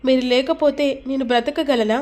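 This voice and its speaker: Woman reading anxious devoted wife, pleading, worried, slightly high voice. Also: steady tone, normal speed, a little mellow, natural voice.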